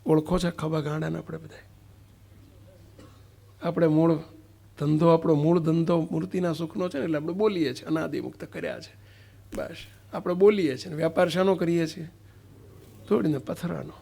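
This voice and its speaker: A man's voice: fairly high pitch, normal speed, gravelly, pauses often, warm tone. A man giving a devotional sermon, questioning his listeners and stressing points with emphasis. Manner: questioning, emphatic, acts out a street seller's cries. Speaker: preacher.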